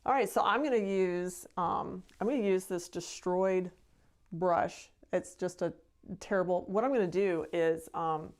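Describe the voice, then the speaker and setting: A middle-aged woman painter hosts a casual live stream, showing her painting while chatting in a rambling way full of laughs and fillers. Her voice runs on the low side and her pace is measured.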